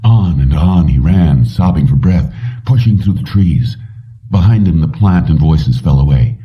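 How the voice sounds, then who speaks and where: An audiobook reader with a very low voice narrates a story from a script, his intonation lively and his pace unhurried. The sound is dull and muffled from a distant microphone, as if he sits well away from it.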